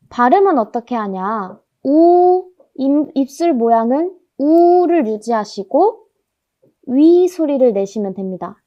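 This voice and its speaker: A woman teaching German pronunciation, explaining patiently and drilling each word slowly through repetition. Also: fairly high pitch, mellow, muffled recording. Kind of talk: explanatory language lesson.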